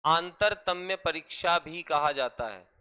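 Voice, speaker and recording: A man with a Rajasthani Hindi accent teaching a class, slowly dictating notes and repeating each phrase for students to write down. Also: on the high side, sharp tone, smooth. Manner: slow, repetitive dictation.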